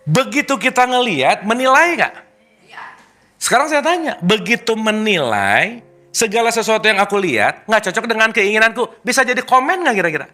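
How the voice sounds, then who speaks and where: A man giving an informal spiritual talk to a group, lively and teasing, full of rhetorical questions. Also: high-pitched, moderate pace, faint music behind. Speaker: spiritual teacher.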